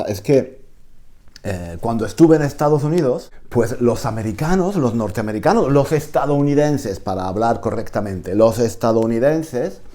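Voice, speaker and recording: A Spanish teacher from Spain gives a casual video lesson in a medium-pitched voice with a Spain Spanish accent. He is animated and repeats phrases as he explains.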